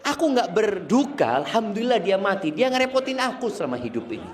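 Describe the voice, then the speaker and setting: A man's voice: high-pitched, sing-song, brisk, some chatter behind, voice pushed up. A man voicing a widow who is relieved that her husband is dead. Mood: flippant.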